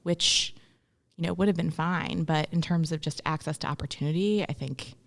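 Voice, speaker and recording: This young Memphis woman, from Tennessee in the US, is a guest in a relaxed interview, thinking things over aloud with plenty of ums and false starts. She speaks at a moderate pace in a low voice with vocal fry.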